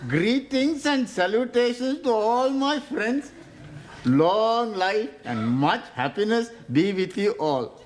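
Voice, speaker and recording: A man's voice: high voice, lively intonation, takes it slowly. A flowery, formal male student. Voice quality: ornate, slightly broken English.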